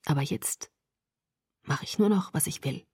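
A woman reading a German story, voicing a teasing, mysterious young man in a quiet, hushed voice. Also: sits low, unhurried, husky, no echo, studio quality, heavily acted. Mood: softly teasing.

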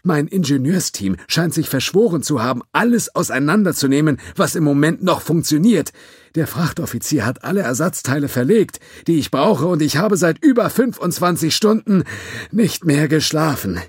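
A man's voice: fairly high pitch, animated, normal speed, breathy edge, dry recording, studio quality, pitched above the performer's own voice. A man doing a frazzled, sarcastic starship engineer. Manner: exasperated, sarcastic outbursts. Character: harried male starship engineer, sarcastic, overworked. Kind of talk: audiobook character voice.

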